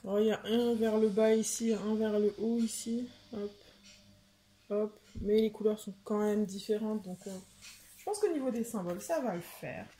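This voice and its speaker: A young woman chatting excitedly as she unboxes a craft kit at home, often stumbling and repeating words. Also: medium pitch, moderate pace, a little hiss or hum. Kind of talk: casual unboxing chat. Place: home with a washing machine running.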